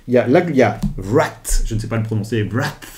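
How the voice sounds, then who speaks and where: A man co-hosting a board game review, explaining the rules in casual chat, animated and often correcting himself mid-sentence. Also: mid-range voice, very fast, a little hiss or hum. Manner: animated, self-correcting, finishes his partner's sentences.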